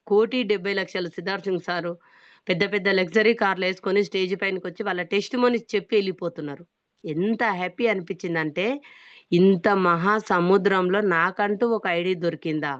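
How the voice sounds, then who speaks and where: A woman's voice: lowish voice, dry recording. A woman from Hyderabad with a Telangana Telugu accent, giving an earnest, emphatic motivational testimony to a business audience. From Hyderabad, India. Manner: earnest and emphatic, often stressing that she is being sincere. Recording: dull, dry, lo-fi sound.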